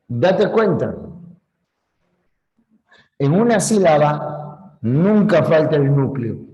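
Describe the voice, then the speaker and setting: A male teacher gives a grammar lesson at an extremely slow, deliberate pace, pausing between phrases. His voice sits a little high for a man. He repeats each key point patiently and stops to correct his own slips. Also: warm tone, rough recording. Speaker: language teacher. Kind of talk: slow classroom lecture.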